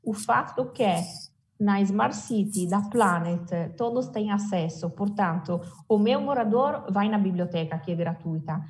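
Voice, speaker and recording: With a medium-pitched, animated voice at a measured pace, this woman from Italy explains her opinions emphatically in conversation. She's an interview guest speaking Portuguese with an Italian accent, frequently posing her own questions and replying to them.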